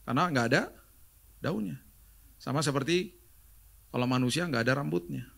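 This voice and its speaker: A middle-aged man from Indonesia delivers a sermon. He preaches in a lively storytelling way, acting out the voices of the people in his stories and mixing in jokes. His voice sits at an ordinary pitch for a man. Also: normal speed, vocal fry. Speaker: pastor.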